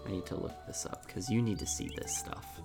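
A man with a low, gravelly voice talks briskly as co-host of a gaming podcast. He chats casually and rambles with plenty of fillers while looking things up, with game music in the background.

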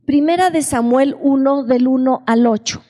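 Woman preacher, high voice, mellow tone, slow sermon, long hall echo. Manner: slow, questioning the congregation.

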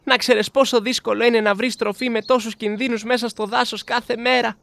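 A woman voicing a shy, honest male hare, a father, in a storybook reading, earnest and soft-spoken. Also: a little high, flat delivery, gravelly, voice pushed up. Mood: sad. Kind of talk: storybook character voice.

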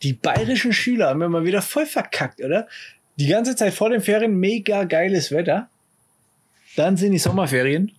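A man's voice: sits high, expressive, husky. A man co-hosting a casual podcast, joking crudely in loose banter. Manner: joking, crude, loose chat with drawn-out fillers. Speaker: podcast co-host.

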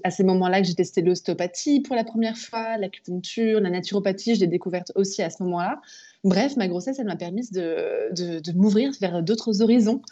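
A woman's voice: mid-range voice, warm tone. A woman in her thirties giving a casual interview, often repeating words as she thinks, on a slightly dull recording. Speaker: podcast guest, naturopath and coach.

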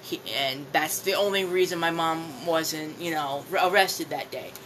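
A man's voice: a little high, moderate pace, a bit bright, slight background noise, low-quality recording. A young man telling stories in a casual chat, laughing often and swearing freely as he retells them. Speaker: podcast guest.

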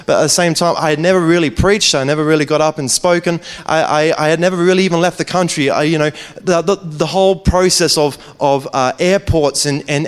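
A man's voice: on the high side, clean tone. Earnest man preaching. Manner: earnest, conversational, often restarting phrases. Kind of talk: personal testimony storytelling.

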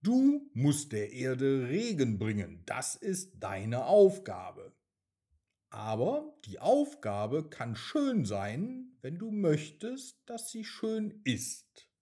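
Patient motherly cloud for a fable, read by a male narrator, soft and warm. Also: medium pitch, huge pitch swings, extremely slow, breathy edge, full character voice. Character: calm wise motherly cloud, female.

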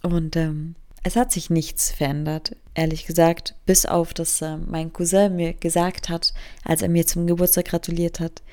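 A German woman in her mid-twenties hosts a laid-back solo podcast in a fairly low, mellow voice, delivered flatly at a moderate pace. She wanders between topics, pokes fun at herself, and mixes English phrases into her speech.

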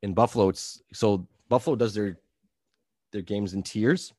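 A man from New Brunswick, Canada, hosting a podcast in a relaxed, rambling chat over a video call, with lots of fillers. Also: on the low side, normal speed, dry recording, studio quality. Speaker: podcast host.

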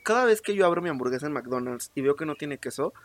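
Low-pitched and fast-talking, this young podcast co-host with a Mexican accent chats with a friend in lively, slangy banter. She teases a lot and keeps drifting away from the subject.

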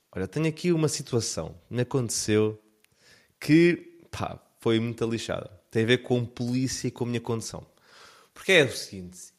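A young man with a European Portuguese accent, ranting in a casual, animated vlog monologue full of filler words. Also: mid-range voice. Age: young adult. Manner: animated, heavy use of fillers like "pá". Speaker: vlogger.

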